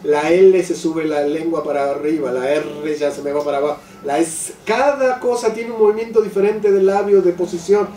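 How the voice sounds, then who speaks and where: In this religious class lecture, an elderly Torah teacher with a fairly high, warm voice addresses a live group, repeatedly asking "¿sí?" and slowing to emphasize important phrases. He's picked up from afar in a reverberant room with a faint noise floor.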